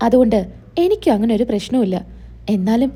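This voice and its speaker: A woman's voice: on the high side, lively intonation, fast talker, mellow, breathy edge. A woman voicing a bitter young husband who speaks bluntly.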